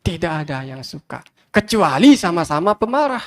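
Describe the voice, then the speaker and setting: Buddhist monk preaching in an echoing hall. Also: male voice, a little high, big pitch swings, normal speed. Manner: repetitive emphatic preaching, addresses listeners directly. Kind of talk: sermon. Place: large hall with many fans. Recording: long hall reverb.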